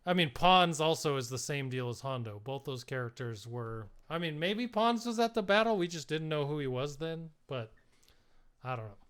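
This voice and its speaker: A man co-hosting a podcast, talking casually and easily with frequent chuckles. His voice is smooth and clear. He sounds relaxed and conversational. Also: a little high, moderate pace. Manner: chatty, chuckles often, reacts to chat. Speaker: podcast co-host. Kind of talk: casual chat.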